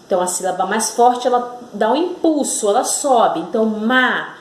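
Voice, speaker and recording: A woman teaching a children's lesson on syllables, drawing out and stressing each word slowly. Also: on the high side, animated, warm tone, echoey room. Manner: slow and drawn out, stressing syllables.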